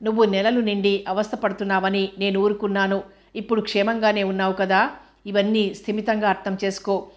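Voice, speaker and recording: A woman's voice: medium pitch, flat delivery, brisk, natural voice. Woman reading as a stern older widowed mother. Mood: reproachful. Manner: reproachful, pleading.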